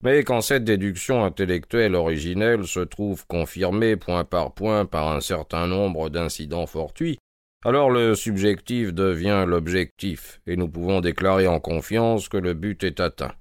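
A man voicing a brisk, self-assured detective in an audiobook, speaking in a measured way. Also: low-pitched, clean tone, no echo, clean studio sound. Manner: measured, confident explaining. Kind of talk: audiobook character reading.

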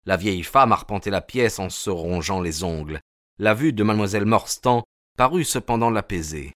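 A male narrator with a fairly low voice reads a classic detective tale in a measured, storytelling manner. The recording is close and dry. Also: animated, a bit bright, no room sound. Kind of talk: scripted audiobook narration.

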